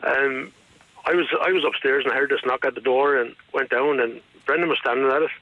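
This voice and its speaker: A man's voice: medium pitch, brisk, no echo. Wexford man on a tinny phone line. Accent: Wexford, Irish. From Wexford, Ireland. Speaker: radio phone-in caller. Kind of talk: casual anecdote telling. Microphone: telephone.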